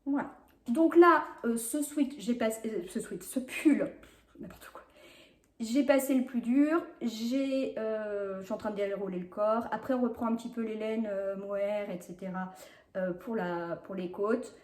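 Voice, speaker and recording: A woman with a fairly high voice chats about her knitting, full of hesitations and quick bursts. She is recorded in an echoey room at home on a camera mic. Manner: chatty, hesitant with many fillers, laughs often; speeds up at times, apologizes for talking fast. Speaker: knitting podcast host. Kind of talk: casual knitting vlog chat.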